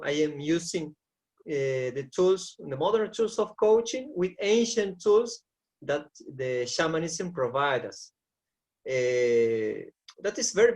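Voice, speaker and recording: Pria Argentina berusia 40-an bersuara agak tinggi, tenang dan sungguh-sungguh sebagai pelatih. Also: male voice, fairly high pitch. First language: Spanish. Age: 40s. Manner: earnest, repeats words while searching for phrasing. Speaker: shamanic coach. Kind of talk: interview answers.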